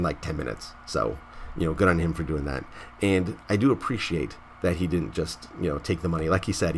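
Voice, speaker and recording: His voice sits low and creaky yet fairly bright, with a touch of hiss or hum in the recording. As host of a gaming channel, he rambles through a casual vlog with a stuffy nose from a cold, restarting a lot and adding "right?" to his lines.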